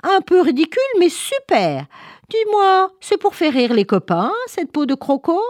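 A woman's voice: sits high, big pitch swings, a little slow, darkish tone, no room sound, clean studio sound, pitched above the performer's own voice. A woman voicing a mocking savanna animal in a children's story, with a sing-song teasing delivery.

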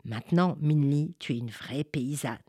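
A grave peasant father, as a woman narrator plays him, speaking solemnly and with fatherly care. The voice stays low and close, recorded dry with no room around it. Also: normal speed, dark tone, husky, dry recording. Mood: tender.

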